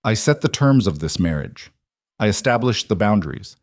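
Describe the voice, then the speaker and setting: A man's voice: lowish voice, expressive, normal speed, no room sound, clean studio sound, natural voice. A man playing a controlling, jealous mafia boss husband who talks with tight, restrained intensity. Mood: raw.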